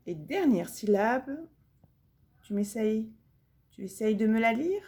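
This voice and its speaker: A woman teacher with a French accent giving a phonics lesson to young children, drawing out each sound slowly and deliberately. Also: fairly high pitch, sing-song, darkish tone. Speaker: primary school teacher.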